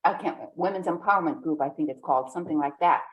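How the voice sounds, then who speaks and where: Lowish-voiced woman hosting a podcast. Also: quick pace, highs cut off. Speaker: podcast host. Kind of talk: podcast intro and casual interview.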